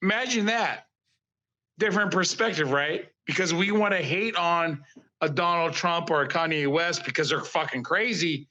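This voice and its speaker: Bright, profane man telling rambling stories. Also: a little high, normal speed, highs cut off. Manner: profane, rambling, animated storytelling. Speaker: podcast guest artist. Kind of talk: casual interview chat.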